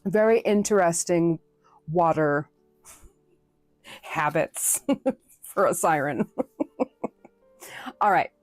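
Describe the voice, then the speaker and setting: A woman's voice: fairly low pitch, very slow, pauses often, no echo, faint music behind. A woman from New England chatting casually with viewers on a live stream, rambling with lots of fillers and restarts.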